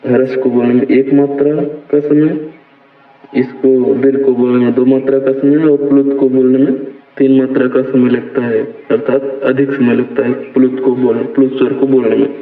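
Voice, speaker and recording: A man teaching a Hindi lesson slowly, repeating his points and checking in often. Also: medium pitch, little pitch movement. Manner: slow, repeats points, says "theek hai" often. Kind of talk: slow explanatory lesson. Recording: phone-like, echoey, distant.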